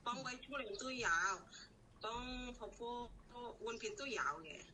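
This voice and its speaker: A native Indonesian-speaking woman with an Indonesian accent, answering interview questions in short, halting phrases as she searches for words. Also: fairly high pitch, animated, sharp tone, a little hiss or hum, low-quality recording. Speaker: domestic helper being interviewed.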